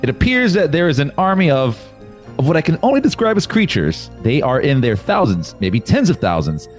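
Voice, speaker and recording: A man's voice: fairly quick, soft background music. A man voicing a frantic male television reporter who stammers as he talks. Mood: alarmed. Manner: stammering, high and excited.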